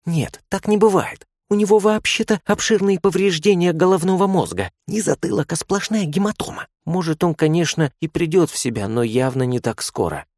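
Man doing a smug, impatient young nurse, high and dry. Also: animated, normal speed, hardly any pauses, a little mellow, no room sound. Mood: dismissive.

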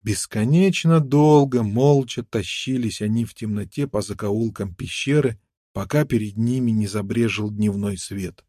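A man narrating an adventure novel in a measured, dramatic reading. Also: on the low side, dark tone, no room sound, studio quality. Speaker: audiobook narrator. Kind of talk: scripted narration.

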